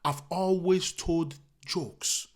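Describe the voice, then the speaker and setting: A man with a fairly high speaking voice, guesting as a comedian in a relaxed interview. He talks earnestly, circles back over the same phrases and poses rhetorical questions to himself. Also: very slow. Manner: calls the host "my brother". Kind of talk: casual interview chat.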